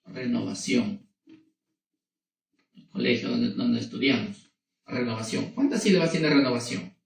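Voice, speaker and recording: A man's voice: medium pitch, unhurried, vocal fry. A male schoolteacher giving a lesson to young children, spelling out words syllable by syllable and checking in with short tag questions.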